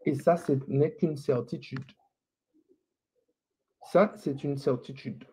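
A man's voice: on the high side, steady tone, slow pace, noisy background. A man hosting a casual live stream, teasing and scolding his viewers and laughing often. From French Antilles.

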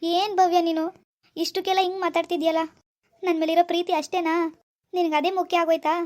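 Woman playing a heartbroken poor young village man, cartoon voice, high and monotone, hurried pleading. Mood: hurt. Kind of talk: cartoon dialogue voice acting.

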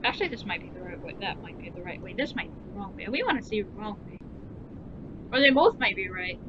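Her pitch swings widely and she talks quickly, a gaming video host murmuring casual let's play remarks to herself while playing. Loud rumbling and muffling cover the audio.

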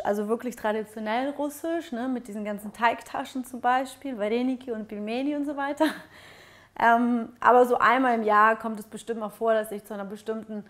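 A young woman chats easily to her viewers, her voice sitting a little high. She sounds close and clear on a clip-on mic in a bright living room, relaxed and full of small fillers. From Ukraine. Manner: friendly, chatty, many fillers. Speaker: fitness vlogger. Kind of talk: casual Q&A chat to camera. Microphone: lapel mic.

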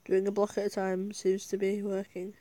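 Her voice is medium in pitch, warm and monotone, at a normal speed in a dry recording. She's a gaming video creator casually chatting to viewers mid-game, frequently giggling and talking herself through each step.

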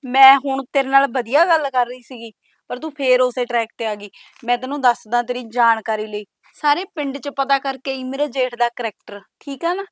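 An actress playing a scheming, bossy elder sister-in-law who talks down to the newcomer in a taunting way. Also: female voice, high voice, steady tone, a little fast, no room sound, lightly acted. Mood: contemptuous. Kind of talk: village family drama acting.

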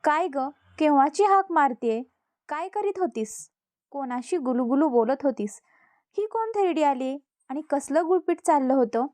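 A proud and furious queen in a told folk tale, her voice pitched high and sharp with scorn, as a woman narrator puts her on. She berates and shouts at those beneath her. The voice is mellow at heart but pushed loud. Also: expressive, moderate pace, no echo, clean studio sound. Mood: scornful, shouting. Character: haughty angry rich queen.

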